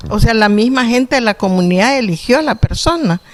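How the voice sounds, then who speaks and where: A woman's voice: a little high, animated, brisk, slight background noise. A woman, asking questions conversationally as an interviewer.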